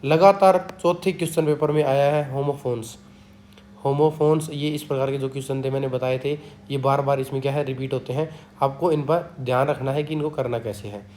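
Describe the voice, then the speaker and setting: A man tutoring students through an exam paper. He reads English definitions slowly, then explains them in Hindi. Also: mid-range voice, fairly even intonation, a little mellow, slight background noise. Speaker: exam tutor, channel host. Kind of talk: exam-prep lesson explaining a question paper.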